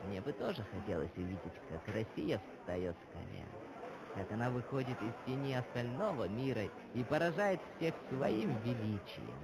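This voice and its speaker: A man's voice: medium pitch, animated, normal speed, gravelly, very noisy. A man acting a hearty patriotic comrade and admirer of Soviet glory, speaking emphatically in scripted dramatic dialogue. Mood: commiserating. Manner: emphatic, theatrical. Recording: crowd chatter behind the voice.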